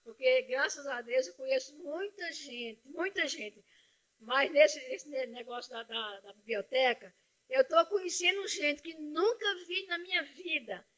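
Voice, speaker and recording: An older woman tells a personal story in a halting, devout, tearful way. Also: sits high, fairly bright tone. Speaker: interviewee, library founder.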